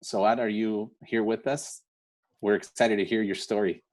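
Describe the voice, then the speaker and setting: A man hosts an online awards event for a scholarship foundation, speaking informally and from the heart. He is earnest and encouraging, often checking for agreement with "right?". His voice is on the low side, a little slow and mellow, with a flat delivery.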